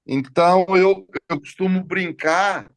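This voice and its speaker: A man's voice: sits high, slow pace, no echo. A man being interviewed as an entrepreneur, talking casually over a call and telling stories with many hesitations and restarts. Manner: relaxed, storytelling with frequent hesitations. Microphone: phone or video call.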